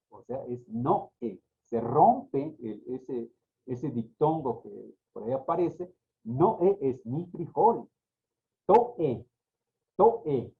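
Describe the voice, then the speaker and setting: Author presenting his book, man with Mexican Spanish accent, careful repeated examples, tinny lo-fi audio. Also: a little high. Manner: repeats example words with careful stress contrasts. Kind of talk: explanatory talk on pronunciation.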